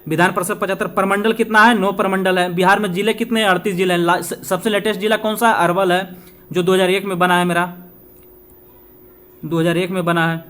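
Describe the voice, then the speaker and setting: An Indian man leads an informal exam revision session, repeating points, posing questions and answering them himself, and checking in chattily with listeners. His voice is high, a bit bright and level, and he talks briskly.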